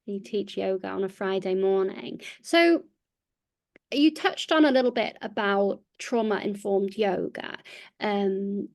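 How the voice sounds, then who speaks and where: A woman chats on a podcast, reflecting aloud and circling back to restart her phrases. Her voice sits at an ordinary middle pitch, and she sounds casual and open. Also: slow pace. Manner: reflective, chatty, restarts often. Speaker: podcast guest and interviewer. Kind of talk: podcast interview conversation.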